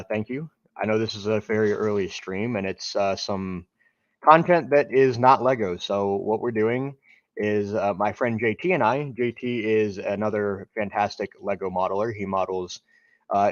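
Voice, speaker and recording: Male streamer host, lowish voice, dry close sound, slightly dull lo-fi audio, casual and halting with many ums. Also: no room sound. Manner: halting, filler-heavy, friendly. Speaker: streamer hosting a game stream. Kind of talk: casual gameplay chat.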